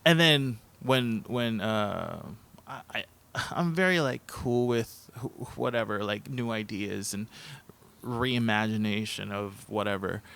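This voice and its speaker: A man's voice: on the low side, creaky, a bit bright, smooth. A man who plays in a band, chatting as a guest in a studio in a laid-back, rambling way, with plenty of swearing. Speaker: podcast guest, musician. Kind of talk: casual chat. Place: recording studio.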